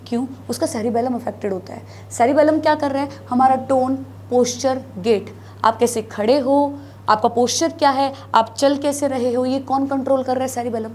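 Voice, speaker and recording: High-voiced woman teaching biology. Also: a little mellow, slight background noise. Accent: North Indian Hindi. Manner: explains with gestures, asks and answers her own questions; mixes Hindi with English terms. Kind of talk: classroom lecture.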